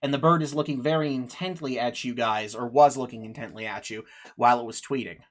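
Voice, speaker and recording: A woman narrating as game master of a tabletop game, correcting herself as she goes. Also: a bass voice. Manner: unhurried, lively narration with self-corrections.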